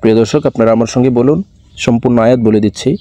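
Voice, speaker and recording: A man's voice: medium pitch, steady tone, dark tone, dry recording. A man giving a patient, step-by-step Quran reading lesson, explaining pronunciation rules. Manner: patient, explains pronunciation rules, then recites slowly and drawn out. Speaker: Quran recitation teacher.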